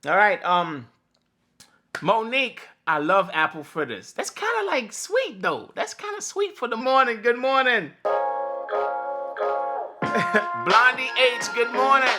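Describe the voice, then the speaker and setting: A man's voice: very high voice, very animated, unhurried, pushed and bright, faint music behind. A man hosting a casual morning livestream, greeting viewers by name and laughing often, his voice a little cracked. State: slightly cracked voice. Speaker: host of a morning livestream for delivery drivers.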